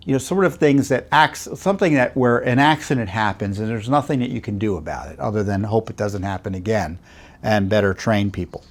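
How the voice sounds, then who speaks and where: A man's voice: on the low side, brisk. A middle-aged man hosting a commentary segment, talking in a conversational way with fillers and rhetorical questions. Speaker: host. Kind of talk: commentary to camera.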